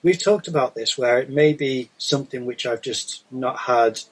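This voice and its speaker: A man's voice: medium pitch, moderate pace, breathy edge, rough recording. A British man chatting casually as a podcast co-host, explaining himself in a rambling way. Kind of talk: casual chat.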